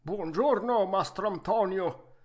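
A man voicing a hot-tempered old woodcarver in a storybook reading, loud and theatrical. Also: high-pitched, voice pushed up. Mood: cheerful, pleading. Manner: loud, theatrical, quick to anger.

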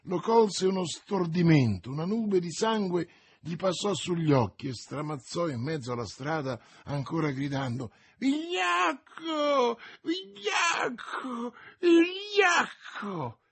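Husky male audiobook narrator. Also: fairly high pitch, moderate pace, a little mellow, no room sound.

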